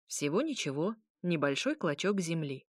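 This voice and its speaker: A woman's voice: low voice, very animated, moderate pace, no echo. Casting: woman reading a smug male demon marquis, centuries old, mocking and lordly, dry close sound.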